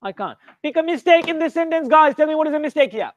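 Indian man teaching a lively grammar class. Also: extremely high pitch, quick pace. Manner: switches between English and Hindi, quizzes students by name.

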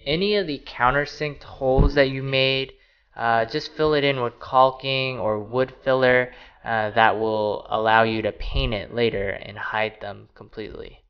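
Unhurried and mid-range, this thirtysomething DIY host explains his woodworking project in an easygoing how-to style packed with filler words. The lo-fi audio moves from a small laundry room to voice-over on garage workshop shots, set against clear background music.

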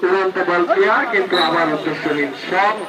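Higher-voiced Bangladeshi man commentating, distant and echoey. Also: fairly quick, over a noisy crowd. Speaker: football match commentator. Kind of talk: live play-by-play football commentary. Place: live stream from a local college football match. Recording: roomy, distant mic, clear background noise.

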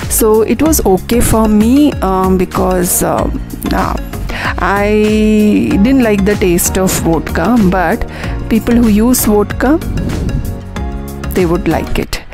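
Slow-talking woman cooking vlogger. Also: medium pitch. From Kerala, India. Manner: unhurried, many filler "uh"s, plain instructive tone. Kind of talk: casual cooking tutorial. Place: home kitchen, then indoor room. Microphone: handheld microphone in outro. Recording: music playing under the voice. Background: background music.

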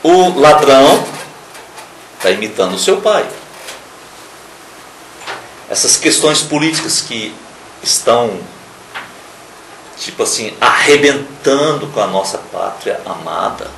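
Male preacher delivering a TV sermon, emphatic with sudden loud stresses, roomy sound, faint ambience behind. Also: medium pitch, expressive, slow, vocal fry, pauses often, a little hiss or hum. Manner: emphatic, swings between loud stresses and quiet asides. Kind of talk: sermon on a local TV program.

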